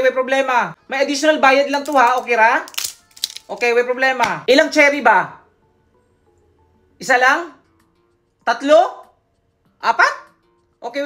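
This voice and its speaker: A woman's voice: high voice, a bit bright. A woman playing a drink seller, taking orders from customers who are not there and scolding them in a chatty, bossy way. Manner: half-sung catchphrase repeated over and over. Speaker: drink vendor in a role-play. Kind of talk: solo role-play of serving customers.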